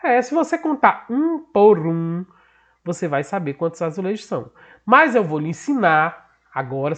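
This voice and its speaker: A man's voice: high voice, highs cut off. A man with a northeastern Brazilian accent, a teacher explaining a math lesson patiently, asking and answering his own questions. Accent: Brazilian Portuguese, northeastern.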